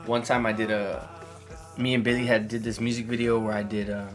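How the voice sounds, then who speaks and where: A man's voice: on the low side, little pitch movement, a little fast. A man hosting a casual podcast chat, rambling with lots of fillers, restarts and cursing. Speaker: podcast host. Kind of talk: casual chat over wings. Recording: faint music behind. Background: faint music.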